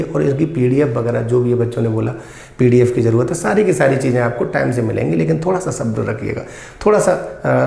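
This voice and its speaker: A man's voice: medium pitch, vocal fry, a little mellow. A male English teacher, giving an exam vocabulary lesson and quizzing his students, calling them "beta" and repeating each word. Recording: echoey room.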